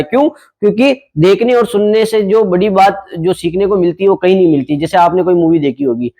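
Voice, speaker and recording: High-voiced man teaching a class. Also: darkish tone. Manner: asks the class questions and answers them himself; speaks in a conversational, explanatory way. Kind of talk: classroom lecture explaining exam topics.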